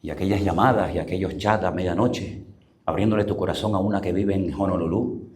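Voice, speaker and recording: A man's voice: deep voice, fairly even intonation, brisk, a little mellow. A male pastor preaching to a congregation in church. He is emphatic and confrontational, asks rhetorical questions, and tells humorous personal stories. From Venezuela and the Canary Islands. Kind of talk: live sermon.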